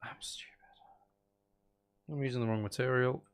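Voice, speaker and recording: While playing a building game on stream, a man chats with his viewers at normal speed in a smooth, medium-pitched voice with fairly even intonation. He tends to mutter half to himself, let sentences trail off, and poke fun at himself.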